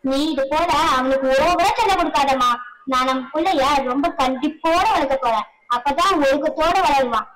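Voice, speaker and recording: A stern, caring father speaks firmly and reasons things out, played by a woman. His voice sits fairly high. The story plays out as a family drama. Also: moderate pace, a bit bright, a little hiss or hum, rough recording. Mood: calm.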